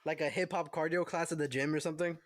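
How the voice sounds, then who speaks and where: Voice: medium pitch, steady tone, quick pace, no echo. A podcast co-host making dry, matter-of-fact remarks in casual chat.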